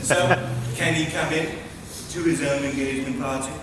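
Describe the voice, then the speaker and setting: A man's voice: mid-range voice, level tone, normal speed, close to an everyday voice. A man playing a cheeky, bumbling manservant in a farcical stage comedy. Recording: echoey hall, distant mic, clear noise.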